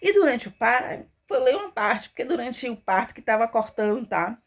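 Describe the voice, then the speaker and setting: A woman, telling her own testimony as a mother with emotional, animated storytelling. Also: fairly high pitch, moderate pace. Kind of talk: personal testimony vlog.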